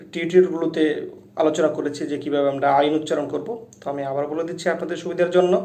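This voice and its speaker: A man teaching Quran recitation step by step, explaining how each letter is said before chanting each verse slowly and loudly. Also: a little high. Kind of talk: slow step-by-step recitation lesson. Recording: echoey room.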